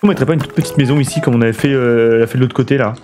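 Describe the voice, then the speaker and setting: A man's voice: mid-range voice, very fast, a little mellow, faint music behind. A man streaming a building game, thinking aloud and chatting with his viewers in a casual way. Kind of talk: casual let's play commentary.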